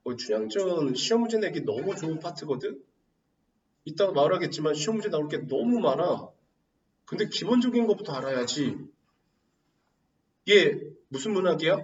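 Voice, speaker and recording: A man teaching literature in a lively lecture, firing rhetorical questions and teasing his students. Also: fairly high pitch, normal speed, long pauses, roomy sound, far from the mic, muffled recording, slight background noise. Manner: asks rhetorical questions and answers himself, teasing. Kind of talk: animated classroom lecture.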